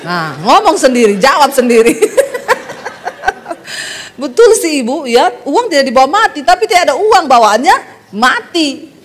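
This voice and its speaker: A middle-aged woman from Sulawesi preaching a humorous sermon, telling lively stories and laughing often. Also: high-pitched, moderate pace, long pauses. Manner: lively joking storyteller who laughs often.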